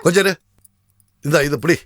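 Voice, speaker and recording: A man's voice: fairly high pitch, steady tone, a little fast, a bit bright, no echo, clean studio sound. An actor voicing a bossy male lawyer who brushes off his wife. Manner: dismissive, bossy. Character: bossy middle-aged male lawyer husband. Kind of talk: dubbed film acting.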